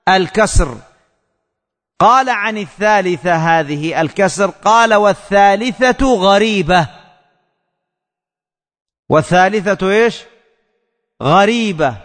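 Male religious teacher, high voice, deliberate drawn-out delivery, long reverb of a large hall. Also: expressive, a bit bright. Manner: slow, repeats key words as questions to students. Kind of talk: hadith lesson explanation.

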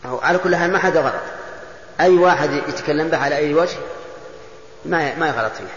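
A man teaching a lesson in a big hall, his fairly high voice ringing with a long, roomy echo. The recording sounds dull and lo-fi. He asks his listeners short questions and answers them himself, patiently running through each variant. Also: fast, fairly bright tone, a little hiss or hum. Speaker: teacher of religious texts. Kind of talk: classroom lecture explaining grammar and texts.

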